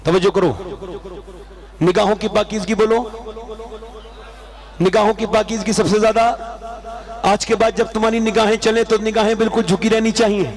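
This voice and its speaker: A man preaching at a large religious gathering, fervent and pleading, sometimes rising to a shout and scolding the crowd. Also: sits high, little pitch movement, long pauses. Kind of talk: impassioned sermon.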